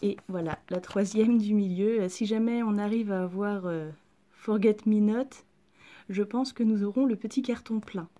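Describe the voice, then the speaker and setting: A woman chatting through a casual unboxing at home, gushing with excitement and often dropping to a soft whisper. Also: mid-range voice, moderate pace. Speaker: vlogger unboxing collectible figurines.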